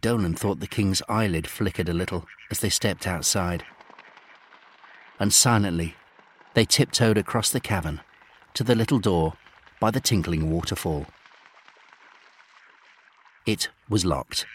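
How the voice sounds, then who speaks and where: A man reading a children's space adventure aloud in steady, gently dramatic storybook narration. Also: low-pitched, a little slow, long pauses, breathy edge.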